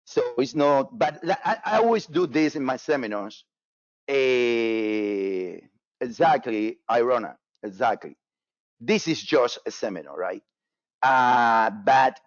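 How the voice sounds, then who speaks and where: Over dull audio with no room sound, a medium-pitched man from Cuba presents a live trading webinar. He talks casually, repeats himself, and fills his speech with fillers and many restarts.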